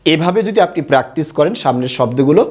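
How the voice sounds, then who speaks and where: A man from Bangladesh teaching an online grammar lesson, who keeps asking quick questions and then answers them himself. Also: on the high side, animated, a little mellow.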